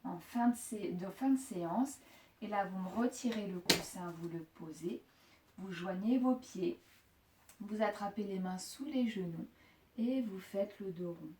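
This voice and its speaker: A woman fitness instructor guiding a Pilates class, calmly cueing each breath, with joking asides now and then. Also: medium pitch, unhurried, slight background noise. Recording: echoey room, voice from far off.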